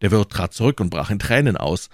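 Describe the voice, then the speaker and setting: Man reading an old novel aloud, gravelly, lively pitch, dry close sound. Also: brisk, dry recording. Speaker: audiobook reader.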